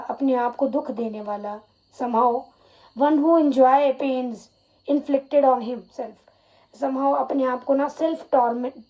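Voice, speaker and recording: A woman with an Indian accent teaches English vocabulary for exams, spelling words out letter by letter and slipping into Hindi to explain them. Her voice sits high and sounds mellow and soft-edged. Faint crickets chirp behind her. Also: rough recording. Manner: repeats "you can say" as a filler. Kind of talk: exam-prep vocabulary lesson.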